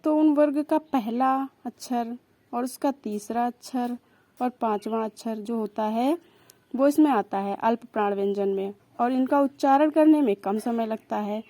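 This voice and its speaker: Young woman teaching, slow patient repeats, mellow and a bit high. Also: dry recording. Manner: repeats and spells out sounds slowly, explaining patiently. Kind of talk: exam-prep lesson explaining consonants.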